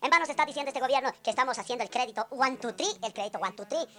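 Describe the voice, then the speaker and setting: A tiny male Umpalumpa worker in a radio comedy sketch, his voice high and squeaky. He talks fast and bright, spilling crude slang and rambling complaints. Faint music plays behind him. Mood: griping, rambling. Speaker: comedy sidekick.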